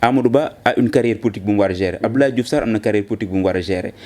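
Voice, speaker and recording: A man, arguing political points quickly in a discussion, mixing in French. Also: fairly low pitch, mellow. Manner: fast, argumentative, mixes French into Wolof. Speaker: political commentator.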